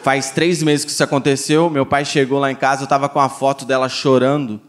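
A young man doing stand-up comedy on stage, telling a story in an animated way that builds to exclamations. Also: medium pitch, brisk. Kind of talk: stand-up routine. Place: comedy stage before a live audience. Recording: live show with faint crowd noise.

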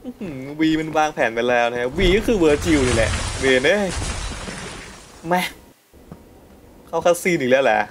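Excitable high-voiced male game streamer. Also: normal speed, pauses often, background noise. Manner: excitable, full of gasps and exclamations; reads translated game dialogue aloud. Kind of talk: casual let's-play commentary.

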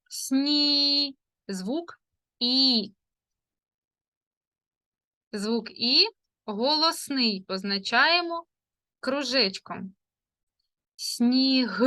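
Slow, bright-voiced woman teaching children. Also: high-pitched, expressive. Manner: sing-song rhyming greetings, drawn-out sounds and syllables. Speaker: primary school teacher. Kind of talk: slow, careful literacy lesson for young children.

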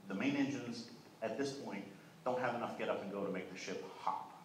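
A young man giving a conference keynote, talking quickly and fluently with frequent "uh" restarts, in a large hall. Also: mid-range voice. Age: young adult. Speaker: keynote speaker. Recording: echoey hall, voice from far off, faint noise.

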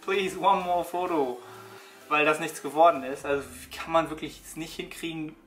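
A young man chatting excitedly in a casual fitness vlog from a small apartment room. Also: fairly high pitch, normal speed, faint music behind. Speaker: fitness vlogger.

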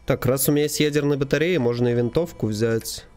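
A man's voice: mid-range voice, brisk, darkish tone, soft background music. A man giving casual gameplay commentary, talking to himself informally and reading item names aloud. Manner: informal, mild swearing. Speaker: gamer narrating own playthrough.

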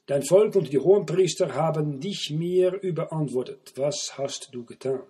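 A man voicing Pilate in a scripture reading, asking measured questions. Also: a little high, mellow, breathy edge. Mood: questioning.

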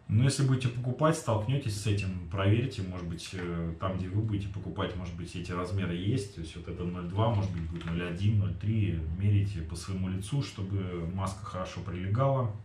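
A man's voice: fairly low pitch, darkish tone. A man in his forties giving a casual, matter-of-fact product review, explaining things somewhat hesitantly. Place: small home kitchen, indoors. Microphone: camera across the table. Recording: roomy echo, distant mic, faint noise.

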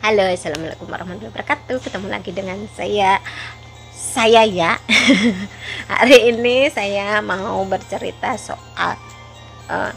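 Faint music plays behind a Javanese vlogger as she tells a casual story, giggling and laughing at herself between phrases. Her mid-range voice is gravelly and unhurried.

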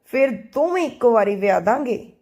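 A firm, worried middle-aged mother from a spoken storybook, as a woman narrator puts her on. She coaxes and insists in a slightly high, plain voice. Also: expressive, fairly quick, dark tone.

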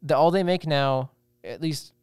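A young man co-hosts a casual podcast, rambling and circling back to restart his sentences. His voice is smooth and clear. It sits close on the mic in a dead, dry room. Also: a little high, measured pace, a little mellow, dry recording. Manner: rambling, self-interrupting, restarts. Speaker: podcast co-host. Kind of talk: casual chat.

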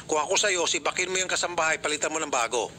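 A man's voice: a little high, quick pace, sharp tone, slight background noise. A middle-aged man hosting a mediation, firm and lecturing, often cutting in to question both sides. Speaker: host mediating a complaint. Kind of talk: public affairs radio mediation.

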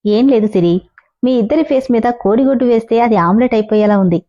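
A woman's voice: fairly high pitch, quick pace, lo-fi sound, natural voice. Woman reading as a cocky scheming young man. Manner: calm, teasing, self-assured. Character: confident scheming young man, mocking and cool.

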